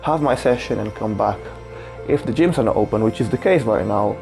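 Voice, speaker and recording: A man's voice: fairly low pitch, a little fast, vocal fry, darkish tone, soft background music. A man in his twenties from Portugal, narrating his own documentary vlog in an earnest, conversational way. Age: 20s. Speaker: vlogger.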